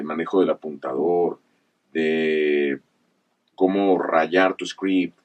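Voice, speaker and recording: A man from northern Mexico, a voice actor, telling stories from his career in a measured, explanatory interview manner. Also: sits low. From Chihuahua, northern Mexico. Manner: measured, explanatory, animated asides. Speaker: voice actor guest. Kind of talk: casual interview storytelling. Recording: voice slightly distant from the mic.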